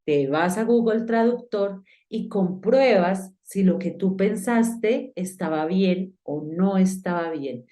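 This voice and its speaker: A woman's voice: mid-range voice, warm tone. A woman teaching an online English class, explaining step by step and putting direct questions to the student. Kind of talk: online lesson.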